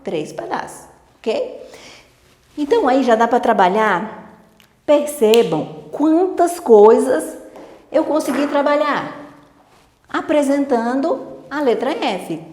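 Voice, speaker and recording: A woman's voice: sits high, lively intonation, slow pace, pauses often, a little mellow. A woman teacher explaining a literacy lesson patiently, step by step, checking in with her listeners. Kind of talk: online teacher-training lesson. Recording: echoey room with long reverb.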